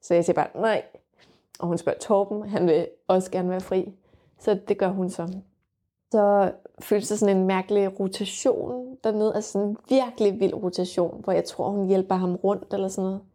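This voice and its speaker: Young adult woman, frank personal storyteller, mellow warm tone, some fillers. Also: mid-range voice, steady tone. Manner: vivid, frank and reflective, with frequent fillers. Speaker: mother telling her birth story.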